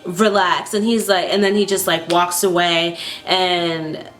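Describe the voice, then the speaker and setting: A woman vlogger telling a travel story to camera in a chatty, casual way, full of "like" fillers and lively re-enactments. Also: lowish voice, unhurried, faint music behind.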